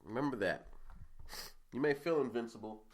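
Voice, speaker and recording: Sniffly and stuffed up, this twenties podcast host talks on his own in a loose, casual way, drifting into tangents. He speaks at a medium pitch and normal speed, with lively intonation.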